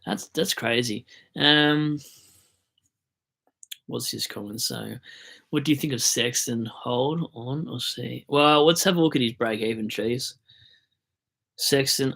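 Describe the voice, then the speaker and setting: A man's voice: mid-range voice, a bit bright. An Australian man hosting a fantasy football livestream, chatting casually, swearing and mock-ranting about his team.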